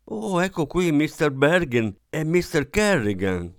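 Casting: a male narrator doing a bustling young hostess, bright and raised in pitch. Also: very animated, a little slow, dry recording, studio quality. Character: brisk young woman hosting a dance.

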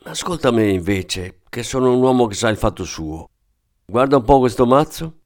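A man reading aloud and voicing an eager, clumsy small-time thief with a wheedling, excitable manner. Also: mid-range voice, moderate pace, pitched above the performer's own voice, natural voice. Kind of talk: audiobook character voice.

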